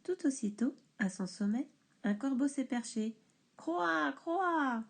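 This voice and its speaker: A woman reading a picture book aloud to young children, expressive and soft in places. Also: on the high side, moderate pace, breathy edge.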